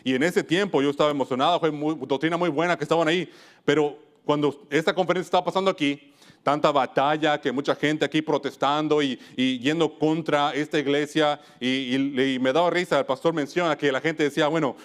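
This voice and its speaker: A man's voice: on the high side, fairly even intonation, brisk. A man from Wisconsin preaching a church sermon, earnest, often stopping to restart and correct himself mid-phrase. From United States (Wisconsin).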